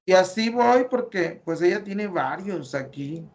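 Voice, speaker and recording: A man's voice: high-pitched, animated, unhurried, slight background noise. A man with a Mexican Spanish accent, teaching an online class and going over student work step by step, with many fillers. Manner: explains step by step, corrects patiently, many fillers.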